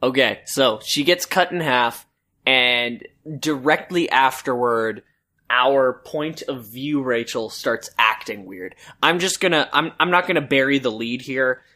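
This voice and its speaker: Slow-talking bright-voiced man, rambling chat. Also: mid-range voice. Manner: rambling, full of "like" and "um". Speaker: podcast co-host. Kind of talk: casual book-discussion chat.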